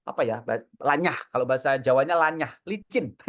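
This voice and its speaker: Guy coaching folks on a video call, lively, encouraging, tells stories. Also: mid-range voice, normal speed. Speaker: coach answering audience questions. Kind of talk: casual online Q&A advice.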